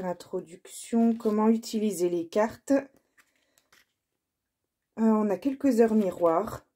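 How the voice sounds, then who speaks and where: A slightly hoarse woman presenting her oracle card decks, reading card names and texts aloud in a soft, unhurried way. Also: medium pitch. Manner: slow and soft-spoken, reads card titles aloud. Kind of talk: casual show-and-tell with card readings.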